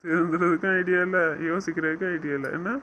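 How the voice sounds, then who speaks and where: A man's voice: high-pitched, flat delivery, fast, a bit bright, slight background noise, rough recording. A man playing a young newlywed husband who teases his wife and lectures her sternly in a romantic audio drama. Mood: scolding. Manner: teasing, then stern and scolding. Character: young husband, teasing yet bossy with his new wife.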